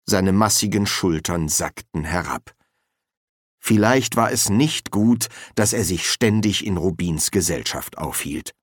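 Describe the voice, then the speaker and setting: A man narrating an audiobook with lively, varied storytelling. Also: deep voice, measured pace, no echo, clean studio sound.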